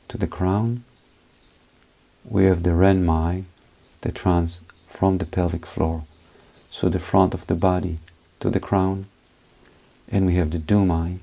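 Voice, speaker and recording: A meditation teacher guides listeners in short, unhurried phrases separated by pauses. His voice sits low and sounds creaky and mellow.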